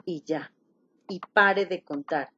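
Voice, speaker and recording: A woman's voice: lowish voice, slow, bright, forceful tone, slight background noise. A woman teaches an English class over a video call and explains each step patiently. She repeats the key points and keeps asking her students questions. The call audio sounds a little muffled.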